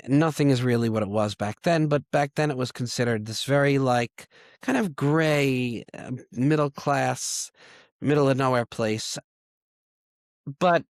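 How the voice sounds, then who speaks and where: A man, hoarse and congested from a cold, talking candidly and self-deprecatingly as a podcast host. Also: mid-range voice, dry recording, clean studio sound. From Long Island, New York. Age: 30s. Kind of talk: personal confessional monologue.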